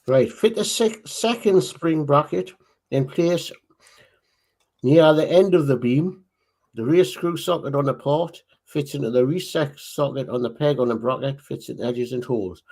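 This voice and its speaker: A man with a Northern English accent co-hosting a model-building livestream, reading assembly steps slowly and pausing to check the parts. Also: medium pitch, a little mellow. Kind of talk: casual livestream build chat.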